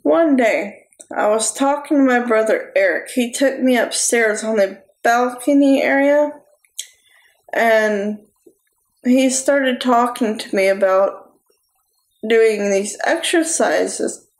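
A young woman giving a personal testimony sermon straight to camera, talking slowly and haltingly with restarts. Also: fairly high pitch. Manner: slow, halting delivery with restarts. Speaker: preacher. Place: small room indoors. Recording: echoey room.

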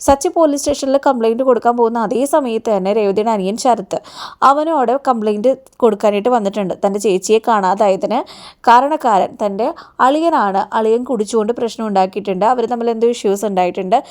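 A woman's voice: on the high side, fast talker, darkish tone. A woman retelling a TV serial episode in a chatty storytelling way, often adding a friendly aside at the end of sentences. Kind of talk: rapid recap narration of a TV serial.

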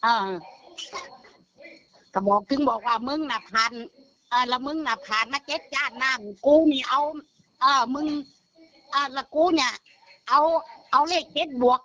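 A woman's voice: high-pitched, measured pace, long pauses, sharp tone, poor audio. An older woman chatting bluntly, swearing freely and repeating herself as she tells of a call. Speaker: grandmother telling of a phone scam. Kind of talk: casual phone-style chat.

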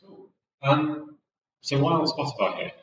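A man hosting a business podcast, introducing his guest and asking brisk, concise questions. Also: a little high, fairly bright tone, muffled recording, slight background noise. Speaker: podcast host. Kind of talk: interviewing. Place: co-working space office.

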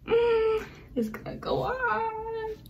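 A woman vlogging as she unboxes and sets up a new laptop, excitable and gasping, often dropping into whispered asides, recorded indoors by a camera on a tripod. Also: extremely high pitch, slow, dull audio, very noisy. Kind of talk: unboxing vlog narration.

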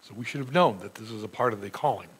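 His voice is lowish, fast, and husky: a middle-aged pastor, sore throat and all, delivering an earnest sermon from the pulpit of a church sanctuary and stressing scripture as he reads it aloud.

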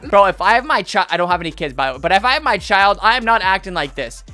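Fast-talking and animated, a man in his 20s reacts on camera from his small indoor home studio, his high voice pushed and bright against faint music. He sits close to a boom-arm microphone, and his reaction commentary is casual, full of slang, exclamations and disbelief.

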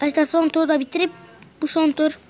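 A young woman streaming a game from her bedroom, excitable, with frustrated muttering and mild swearing. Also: high voice, fairly quick. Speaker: gaming channel host. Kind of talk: casual gameplay commentary. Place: bedroom at home.

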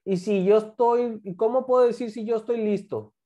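A woman, an English teacher giving a class to children, repeating example phrases slowly and quizzing her students. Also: a little high, mellow. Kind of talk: online class teaching English grammar to kids.

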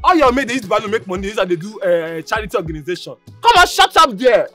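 Taunting student, Nigerian Pidgin accent, lively swooping pitch, bright voice, faint music behind. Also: male voice, fast, full character voice. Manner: taunting, loud scolding. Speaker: student mocking a classmate. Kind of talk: film drama acting.

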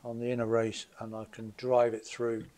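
With a mellow mid-range voice and a completely flat delivery at normal speed, an English motorcycle mechanic explains each step as he strips an engine in his basement workshop. It's a hands-on demonstration he presents in a plain, methodical manner, thinking aloud with small fillers. A camera mic over the bench captures only his hands, along with faint extractor fan noise.

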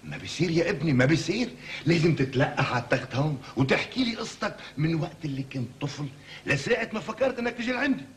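A man's voice: fairly high pitch, expressive, fast talker, lightly acted. A Lebanese man acting a brusque psychiatrist who turns out to have no luck with women. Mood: impatient. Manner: impatient, brusque, later sheepish. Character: impatient, luckless male psychiatrist. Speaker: psychiatrist in a comedy series. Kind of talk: comic TV acting. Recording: background noise.

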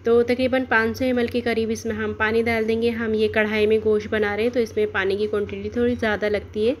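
A woman hosting a cooking channel, giving a steady step-by-step voice-over of a recipe and explaining each option as she goes. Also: on the high side, fast, a little hiss or hum.

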